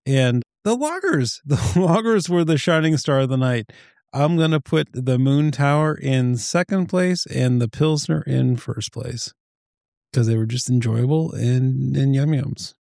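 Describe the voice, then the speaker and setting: A man's voice: medium pitch, lively intonation, measured pace, vocal fry, a little mellow, no echo, clean studio sound. A man hosting a casual beer podcast, teasing his co-hosts with jokes. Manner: joking, teasing. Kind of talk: casual chat.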